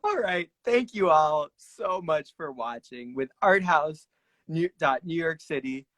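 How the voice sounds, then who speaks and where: A man's voice: on the high side, lively intonation, a little slow, a bit bright, no echo. A man hosting a casual interview show over a video call, upbeat, loose and chatty. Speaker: host.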